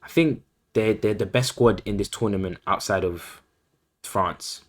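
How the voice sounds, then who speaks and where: A man's voice: lowish voice, unhurried. A man co-hosting a casual football podcast, hedging and repeating himself as he gives his views. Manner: hedging, repeats himself, lots of "I think" and "I feel like". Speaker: podcast co-host.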